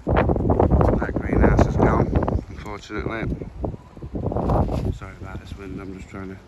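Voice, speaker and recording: A man's voice: fairly low pitch, little pitch movement, a little slow, lo-fi sound. A man giving a chatty, plain-spoken tour of his allotment and then his indoor plants, filming on a handheld phone. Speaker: allotment vlogger. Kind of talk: casual walk-through commentary. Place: windy allotment outdoors, then a room at home. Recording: outdoor wind noise, then indoors.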